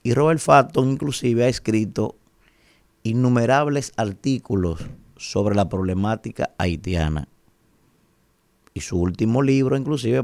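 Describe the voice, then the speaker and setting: Emphatic Dominican man, gravelly commentator. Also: medium pitch, darkish tone, dry recording. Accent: Dominican Spanish. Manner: emphatic, rhetorical, keeps asking "¿verdad?". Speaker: radio commentator. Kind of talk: opinion commentary. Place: radio studio, indoors. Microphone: studio mic on a boom arm.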